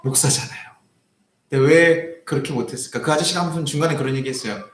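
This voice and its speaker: A man, a pastor, preaching a sermon in a church and telling a personal story in an animated way, acting out his own heated lines. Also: a little high, fast, reverberant. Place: church sanctuary.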